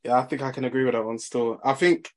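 A man's voice: medium pitch, fast talker. A man with a London roadman accent and slangy delivery, hosting a casual football chat in a laid-back way. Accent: London, multicultural roadman slang. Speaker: podcast host.

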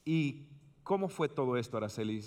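A man, a pastor interviewing a church guest, who breaks into loud exuberant praise and then talks on. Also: medium pitch, lively intonation, normal speed, crowd noise. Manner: exuberant, exclaims praise loudly.

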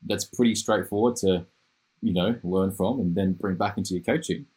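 A man's voice: low-pitched, normal speed, darkish tone, husky, rough recording. A man hosting a casual podcast interview, talking enthusiastically and rambling, often restarting his phrases. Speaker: podcast host.

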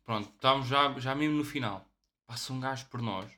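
A young man with a European Portuguese accent, co-hosting a podcast and telling stories in a relaxed way, often dropping an English "yeah". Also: mid-range voice, fairly quick. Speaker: podcast co-host. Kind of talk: casual chat.

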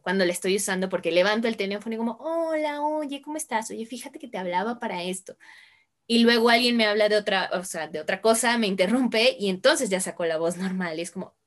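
A woman speaking candidly as a panelist in a discussion, laughing now and then. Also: medium pitch. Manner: candid, laughs while telling anecdotes.

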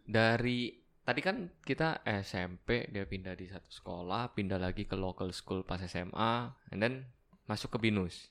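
A young man co-hosting a casual podcast, joking around in lively, slangy banter. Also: fairly low pitch, normal speed, vocal fry. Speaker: podcast co-host. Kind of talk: casual chat.

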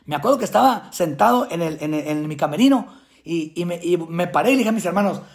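A middle-aged man with a Mexican accent, a guest telling animated stories from his boxing career and acting out the dialogue. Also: fairly high pitch, creaky. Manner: acts out dialogue with quick voice changes. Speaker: guest, retired boxer. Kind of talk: animated storytelling.

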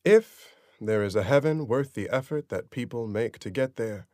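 A man's voice: medium pitch, lively intonation, normal speed, darkish tone, no room sound. A man reading a story aloud in a dry, sardonic narrating style. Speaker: audiobook narrator. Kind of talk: scripted narration.

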